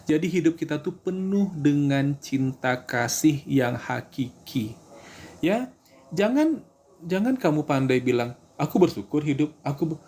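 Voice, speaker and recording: A man's voice: a little high, creaky, darkish tone, slight background noise. A man giving casual religious life advice, chatty and repetitive, acting out prayers and answering viewer greetings. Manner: chatty, repeats himself, acts out prayers.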